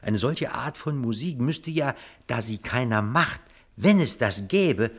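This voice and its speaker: A sober business manager, reasoning and placating, in an old-style radio play. His mid-pitched voice moves lively as he argues. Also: a little slow. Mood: reasoning, soothing. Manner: reasonable, placating, dry logic. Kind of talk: vintage radio play acting.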